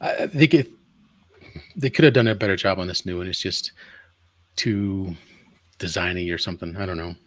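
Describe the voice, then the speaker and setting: A man chatting on a car podcast, friendly and halting, often repeating his words. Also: low voice, fairly bright tone, no echo. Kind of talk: casual car chat.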